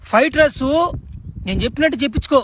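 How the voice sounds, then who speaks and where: Rowdy guy, really high voice, swears a lot, crude sketch comedy. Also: animated, racing, fairly bright tone, slight background noise. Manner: rowdy, swears often, teasing. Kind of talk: comic sketch with crude slang.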